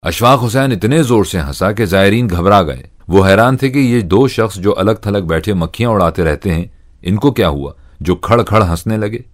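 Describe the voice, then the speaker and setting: A man reading a first-person story aloud in a lively, conversational way, full of dialogue. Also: on the low side, moderate pace.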